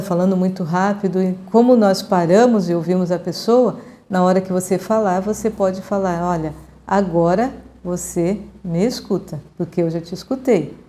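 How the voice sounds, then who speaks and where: A Brazilian woman in her sixties, host of her own channel, giving calm and chatty advice straight to the viewer as a friend. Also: medium pitch. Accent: Brazilian Portuguese. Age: 60s. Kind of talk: casual advice talk to camera.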